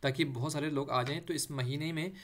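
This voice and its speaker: A man teaching Quran reading, patiently saying letters one at a time and slowly drawing out recited words, with English words mixed in. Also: fairly high pitch, steady tone, fairly bright tone. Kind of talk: letter-by-letter tajweed lesson.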